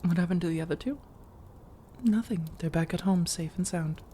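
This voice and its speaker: A woman voices a seductive vampire lady who wants a roommate, in an ASMR audio roleplay, with a natural, warm, low-lit timbre and the occasional small hiss or hum. Soft-spoken and breathy, she drifts into whispers and uses slow, deliberate, teasing pauses. Her manner is flirtatious, coaxing, affectionate, measured and intimate.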